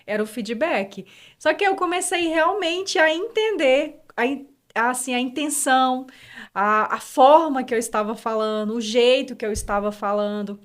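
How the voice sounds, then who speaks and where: A woman with a slightly high voice tells a personal story as a guest. She speaks in a heartfelt way, with many fillers and restarts. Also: moderate pace. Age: adult mother.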